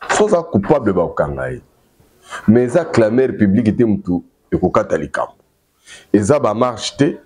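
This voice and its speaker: A man with a Congolese accent giving animated political news commentary, emphatic and repeating his key phrases for weight. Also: lowish voice, slightly rough. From Democratic Republic of the Congo. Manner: emphatic, repeats key phrases, mixes two languages freely.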